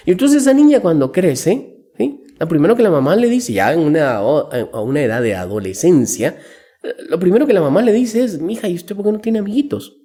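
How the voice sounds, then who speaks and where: A man speaking as a business coach in a podcast interview, telling lively stories and acting out the people he quotes. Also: a little high, brisk. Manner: animated storyteller acting out quotes.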